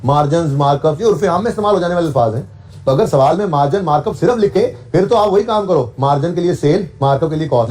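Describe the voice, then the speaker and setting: A man's voice: on the high side, a little mellow. A man teaching accounting to a class, explaining step by step, often checking with his students, and switching into English for technical terms. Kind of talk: classroom lecture.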